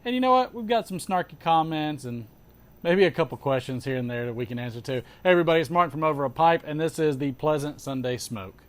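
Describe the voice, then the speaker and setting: A man hosting a casual show, chatting as an animated storyteller with sarcastic asides, emphatic repetition and rhetorical questions. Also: a little high, fast talker. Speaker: host of a pipe-smoking show. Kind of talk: casual chat.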